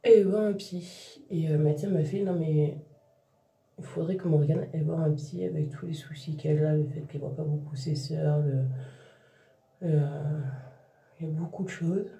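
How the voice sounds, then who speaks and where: With long pauses and a steady, warm, low-pitched tone at normal speed, a tired mom vents to her vlog viewers in casual talk to camera. She restarts and trails off as she goes. The audio has a roomy echo and she's somewhat distant from the mic.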